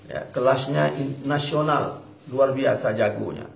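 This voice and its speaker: A man preaching, telling a lively, humorous story and acting out the dialogue. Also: mid-range voice, a little slow, creaky, a little hiss or hum. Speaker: Islamic preacher. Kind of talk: sermon with storytelling. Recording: lo-fi echoey hall recording.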